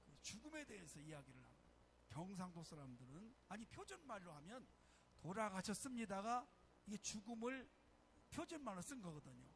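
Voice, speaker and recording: A man delivers a sermon from the pulpit of a church. His voice sits high and bounces through a wide melodic range, rising to press each point. A faint hiss of background noise hangs under the recording. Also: sing-song, normal speed. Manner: emphatic, calling out to the congregation. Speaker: pastor. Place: church sanctuary.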